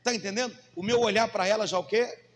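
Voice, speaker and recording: A man's voice: sits high, fairly even intonation, fast talker, a bit bright, long reverb tail. A man preaching as a pastor, emphatic, asking the congregation rhetorical questions. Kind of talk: sermon.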